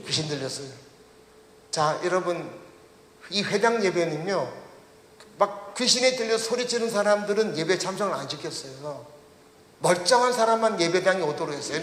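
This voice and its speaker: A man with a high voice preaches a Sunday sermon in a church sanctuary, often pausing to put questions to the congregation and calling them to read the text aloud together. The sound comes back from the room with a long, roomy reverb. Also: fairly bright tone. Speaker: pastor. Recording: echoey church hall reverb.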